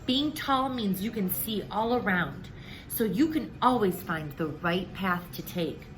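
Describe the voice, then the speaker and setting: Woman putting on a folksy, animated old uncle. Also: medium pitch, unhurried, close to an everyday voice, rough recording. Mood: firm, encouraging. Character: jovial, encouraging old uncle with corny jokes. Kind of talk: children's storybook read-aloud.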